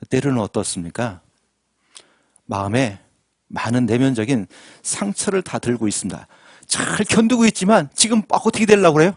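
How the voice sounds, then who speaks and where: Animated male pastor preaching. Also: medium pitch, husky, dry recording, studio quality. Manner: animated preaching with audience questions and call-and-response. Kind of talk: sermon. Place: church sanctuary.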